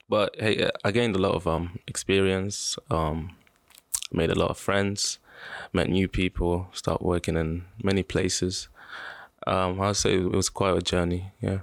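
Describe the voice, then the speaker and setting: Low, gravelly young man from Sudan. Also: no room sound. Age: 20s. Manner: hesitant, many "um"s, laughs often. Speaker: guest. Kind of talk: casual interview.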